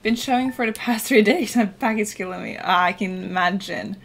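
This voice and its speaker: A Norwegian woman streams a game from a room in her home, chatting in a relaxed way and swearing casually, with lots of "like" fillers. Her voice is mid-range and gravelly, and she talks at a normal speed. Soft game music plays behind her.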